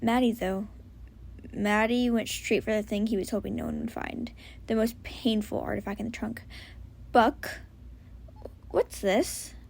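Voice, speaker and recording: A woman doing a soft whispered story reading at home, hushed and close. Her voice is fairly high with a gravelly fry in the whisper. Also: little pitch movement, moderate pace, a little hiss or hum. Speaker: story reader. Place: home with a cat.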